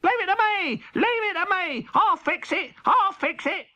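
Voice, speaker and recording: A man voicing an excitable, eager-to-please rabbit servant in a children's storybook, repeating phrases in a hurry. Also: extremely high pitch, unhurried, highs cut off, very noisy, voice pushed up. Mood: eager, obliging.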